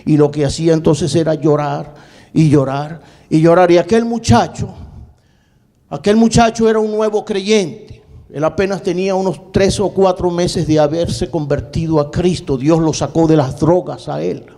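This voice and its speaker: High-voiced pastor telling his testimony. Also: fairly even intonation, dark tone. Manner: dramatic storytelling, repeats words, swings between fast and drawn-out. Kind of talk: sermon testimony.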